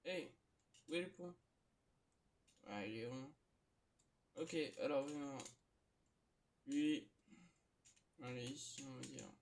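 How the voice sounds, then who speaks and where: A man hosting a gaming video, chatting casually and hesitantly with lots of filler sounds, with occasional excitable outbursts. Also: mid-range voice, takes it slowly, creaky, long pauses. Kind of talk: casual gameplay commentary.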